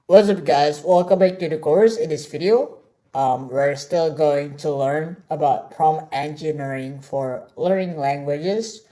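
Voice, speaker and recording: An online course instructor, a woman whose native language is Indonesian, leads a screen-share tutorial. Her voice is low and mellow, her pace unhurried. She keeps things chatty, checking in often with "all right?"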